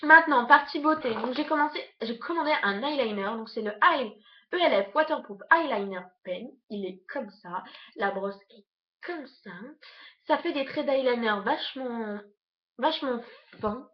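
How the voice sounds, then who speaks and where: A young woman, a beauty vlogger, rushing through a casual makeup haul on her bed at home, chatting with lots of fillers. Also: a little high, lively intonation, muffled recording. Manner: hurried, chatty, many fillers. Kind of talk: casual product review.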